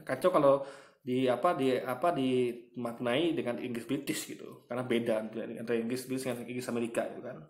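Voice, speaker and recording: A man giving casual reaction commentary, explaining with everyday comparisons and often calling his viewers "guys". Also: mid-range voice. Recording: echoey room.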